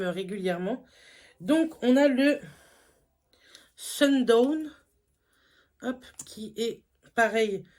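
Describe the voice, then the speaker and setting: A woman chats her way through a makeup haul, her voice sitting a little high. She talks loosely, with frequent fillers and eager little asides. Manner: chatty, lots of fillers, enthusiastic asides. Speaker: beauty vlogger. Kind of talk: casual haul review.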